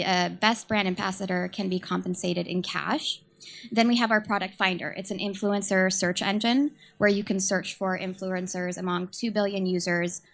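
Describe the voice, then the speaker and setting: This startup pitch comes from a young woman in San Francisco, the company's communications manager, who sounds nervous and hesitant with frequent ums and uhs. Her voice is quiet and creaky.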